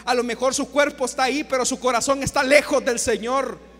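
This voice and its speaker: A man preaching a sermon at a church service, impassioned and swinging between shouted emphasis and hushed appeals. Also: very high-pitched, steady tone, brisk, long reverb tail.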